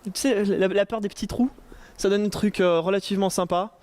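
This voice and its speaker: A man giving a relaxed conference talk on AI, informal and joking, with lots of fillers and restarts. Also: high-pitched, brisk. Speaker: conference speaker on AI.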